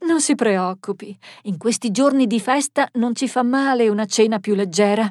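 A woman voicing a tactful, courteous married lady smoothing over an awkward moment. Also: fairly high pitch, normal speed, darkish tone, no room sound, studio quality, lightly acted. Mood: polite.

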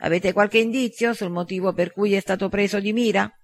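A man's voice: high voice, fairly even intonation, a little fast. A man voicing a wry, teasing man in an audiobook. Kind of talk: audiobook dialogue.

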